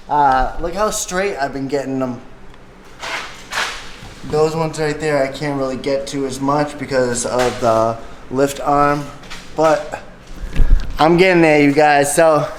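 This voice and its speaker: A young man casually walking viewers through a car repair in his garage, talking loosely with slang. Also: a little high. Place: home garage with a car lift. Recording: echoey garage, faint noise.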